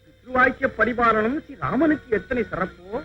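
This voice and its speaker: An actor playing a wry, meddling divine sage who wanders the worlds carrying news, speaking with a sly, sing-song manner. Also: male voice, extremely high pitch, lively intonation, moderate pace. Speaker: film character. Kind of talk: dubbed mythological film acting. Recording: dull lo-fi old film soundtrack with music.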